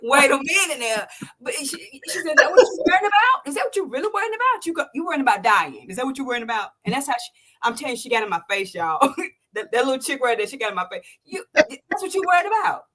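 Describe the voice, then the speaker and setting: Talking fast, a woman in her sixties who hosts a podcast recounts a heartfelt personal experience as interview testimony. Quoted lines burst out with sudden pitch jumps, while emotional moments bring her down to a quiet, low tone.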